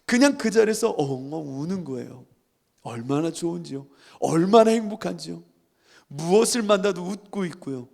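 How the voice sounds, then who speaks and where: Fervent male pastor, gravelly voice. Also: a little high, expressive, moderate pace, darkish tone. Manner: fervent, emotional storytelling. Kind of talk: sermon.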